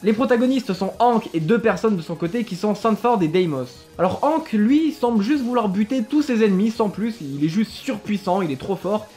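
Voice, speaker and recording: A man's voice: high voice, animated, moderate pace, few pauses, darkish tone, faint music behind. A man hosting a video, telling a story in a casual, jokey commentary style with offhand swearing. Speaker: YouTube host.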